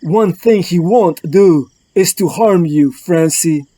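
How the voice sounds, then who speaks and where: Over a music bed, a man voices Batman as a grave, driven detective in a solemn, melodramatic comic-book dub with inner monologue. The mood is brooding, and his voice sits high, slow, and warm in tone.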